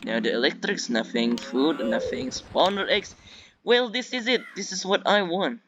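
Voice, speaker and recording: With a high-sitting voice, lively intonation and a moderate pace, a man from Russia delivers offhand, rambling game commentary for YouTube, often going back over the same points in his Russian accent. The background is noisy, the mic lo-fi and dull, with music behind.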